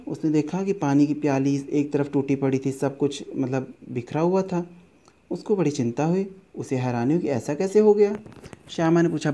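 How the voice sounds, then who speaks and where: A man's voice: on the high side, darkish tone. A man teaching a class, retelling a story and stopping to explain words, with fillers and restarts.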